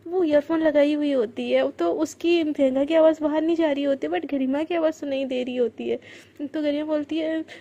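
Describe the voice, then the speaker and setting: A woman's voice: high-pitched, steady tone, moderate pace, mellow. A woman telling a love story aloud in a casual, conversational way.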